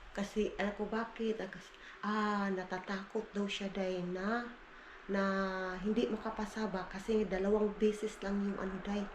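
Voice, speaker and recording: A woman's voice: mid-range voice, darkish tone, echoey room, slight background noise. A Filipino woman with a Visayan accent, chatting casually to her viewers in a home vlog, her nose a little stuffy from the cold. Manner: chatty, addresses viewers as "inday", switches between Tagalog, Bisaya and English. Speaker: vlogger mother. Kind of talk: casual family vlog talk.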